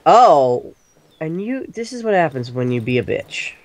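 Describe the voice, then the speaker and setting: A man co-hosting a game stream as commentator, goofy and jokey with deadpan asides. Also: fairly high pitch, unhurried. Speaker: co-host commentator. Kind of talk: casual let's-play chat.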